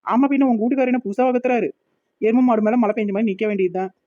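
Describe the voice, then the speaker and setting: A woman's voice: a little high, phone-quality sound, close to an everyday voice. [name], a woman voicing a sassy village girl. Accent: Tirunelveli Tamil. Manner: cheeky, quick talking back. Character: sassy young village woman, elder daughter.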